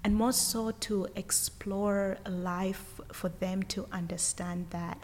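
A woman from Uganda, a guest talking casually in an interview, energetic and thoughtful, often restarting her sentences. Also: medium pitch, takes it slowly, long reverb tail, a little hiss or hum.

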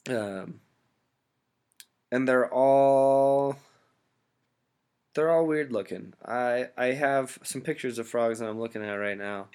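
A young man hosting a podcast, riffing absurd jokes in a deadpan way and laughing often. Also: medium pitch, slow pace, long pauses, clean tone. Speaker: podcast host. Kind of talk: joking casual chat.

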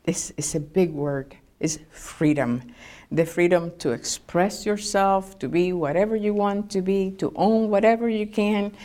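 Older woman, slow and earnest. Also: medium pitch, dark tone. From Cuba. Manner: earnest, measured, pauses with "uh" fillers. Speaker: oral history contributor. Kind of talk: personal reflection, recorded story.

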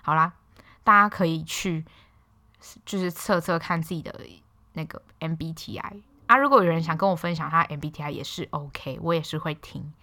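A young woman from Taiwan hosting a casual solo podcast, telling stories in an animated, exasperated way with sharp quips. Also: low voice, moderate pace. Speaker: podcast host.

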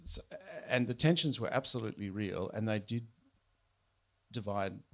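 A man's voice: fairly low pitch, expressive, normal speed. A man, an author chatting wryly and reading aloud from his novel at a bookshop event. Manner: chatty, wry, with fillers and restarts.

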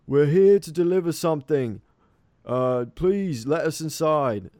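A man voicing a grumbling, frustrated male captain in a tabletop game, gruff and curt. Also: fairly low pitch, normal speed, a little mellow, no echo, studio quality, natural voice. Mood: calling out.

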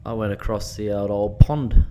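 A man's voice: lowish voice, moderate pace, dark tone. A man with a broad Australian accent chats casually as a podcast co-host, blokey, slangy and sweary in a laid-back way. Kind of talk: casual chat.

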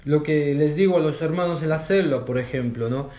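A man's voice: fairly high pitch, fairly quick, mellow. A man teaching a conversational Bible lesson, telling personal stories with fillers and rhetorical questions. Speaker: church cell group leader teaching a course. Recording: roomy echo.

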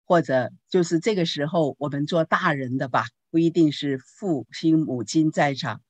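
A woman pastor giving a teaching talk on parenting, telling anecdotes in a lively way and asking the audience questions. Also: low voice, moderate pace, no room sound. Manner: lively storytelling with rhetorical questions.

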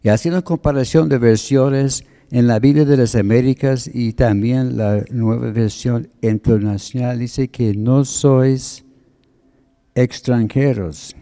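A man preaching a sermon, explaining word meanings in a slow, deliberate teaching manner. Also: mid-range voice, steady tone, warm tone.

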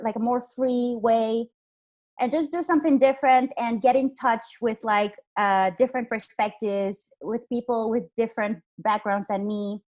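A woman's voice: a little high, a little mellow. A woman in her twenties from Honduras, a podcast guest chatting casually over a call with many "like"s and restarts. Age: 20s. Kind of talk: casual interview chat. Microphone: video call.

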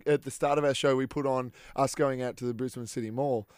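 A young Australian man co-hosting a casual comedy chat, with teasing, deadpan interjections. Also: mid-range voice, brisk, smooth, dry recording, studio quality. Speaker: co-host.

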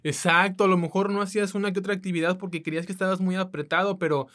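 A woman's voice: lowish voice, fairly even intonation, fast talker, fairly bright tone. A woman from Mexico with a coastal accent, co-hosting a casual podcast in a colloquial, chatty way that speaks straight to listeners. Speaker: podcast co-host.

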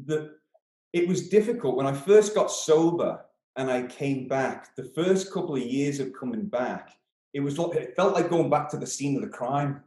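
A man's voice: a little high, mellow, roomy sound. A man with an Isle of Man accent, chatting casually as an interview guest over a video call. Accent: Manx (Isle of Man). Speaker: podcast guest, author.

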